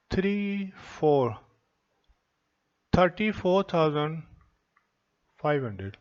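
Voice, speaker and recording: A man, teaching accounting in a slow lecture while writing, his throat and chest sore and coughing now and then. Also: on the high side, muffled recording. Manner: speaks deliberately slowly, dictating as he writes.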